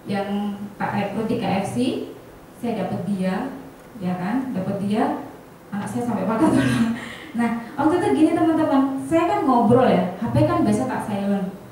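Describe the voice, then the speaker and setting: An insurance agent tells her colleagues a personal story with animation, acting out the dialogue and frequently turning to the audience. Her voice is medium-pitched at a moderate pace, recorded from far off in an echoey hall with faint noise.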